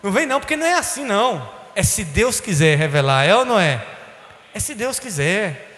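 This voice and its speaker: Male pastor, very high voice, playful storytelling sermon, roomy church hall. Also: a little fast, slight background noise. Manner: humorous, conversational, animated preaching with quoted dialogue. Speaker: bishop and pastor.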